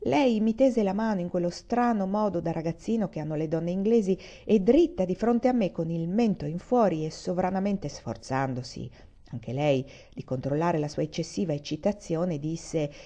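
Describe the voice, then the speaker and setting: A woman reading a literary short story aloud in a measured, expressive way, with occasional restarts. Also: on the low side. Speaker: literary reader. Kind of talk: audiobook-style story reading. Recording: dull lo-fi recording.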